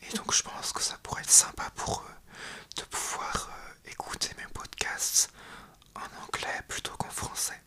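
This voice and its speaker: A young man hosting an ASMR podcast in a breathy, hesitant whisper, speaking right into the listener's ear. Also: unhurried, sharp tone. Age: young adult. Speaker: podcast host.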